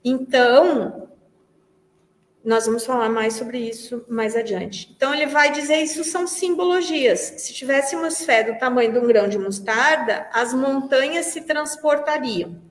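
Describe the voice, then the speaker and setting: A Brazilian Portuguese woman gives a Spiritist study talk, explaining slowly and repeating phrases as she thinks. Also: high voice. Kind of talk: religious study lecture. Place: large meeting hall. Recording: echoey hall with long reverb.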